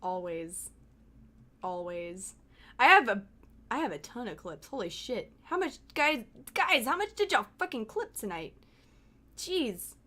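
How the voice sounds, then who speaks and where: A woman from Texas, chatting casually on a game stream, excitable, laughing often and swearing freely. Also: on the high side, a little slow. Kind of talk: casual live-stream chat.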